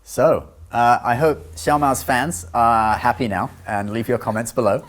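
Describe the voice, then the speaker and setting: A man's voice: medium pitch, a little slow. A man hosting a casual conversation, introducing and commenting on things in an informal way. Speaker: host.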